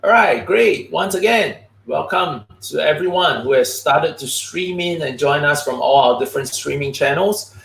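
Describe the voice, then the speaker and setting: Fast-talking man hosting a live stream. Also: fairly high pitch, expressive, gravelly, fairly bright tone. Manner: chatty, many "okay, all right" fillers, fast talking. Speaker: host of a live investing stream. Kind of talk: live stream talk to viewers. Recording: roomy echo.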